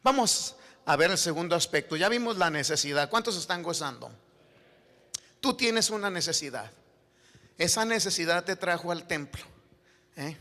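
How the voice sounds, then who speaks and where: Pastor preaching with rising fervor. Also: male voice, on the high side, animated, normal speed, pauses often. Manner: storytelling that builds to shouted preaching. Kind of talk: sermon. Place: church sanctuary. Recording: echoey hall reverb.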